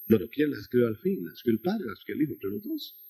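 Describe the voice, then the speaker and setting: A man's voice: mid-range voice, sing-song, a little fast, creaky, warm tone, slightly rough. A man preaching a sermon, explaining scripture in a teaching manner, addressing listeners as brother and often restarting his phrases. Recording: 1990s.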